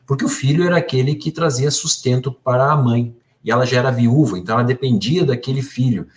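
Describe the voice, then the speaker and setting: A man's voice: mid-range voice, fast talker. A man with a Brazilian Portuguese accent co-hosting a casual Bible discussion, explaining the stories and closing the episode. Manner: explanatory, wraps up and signs off the episode. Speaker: co-host.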